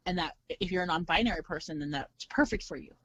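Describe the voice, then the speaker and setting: A woman's voice: on the low side, fast talker, husky, dry recording, rough recording. Chatty young woman guest, dry sound. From California. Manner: animated, chatty, filler-heavy. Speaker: podcast guest. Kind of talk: casual chat.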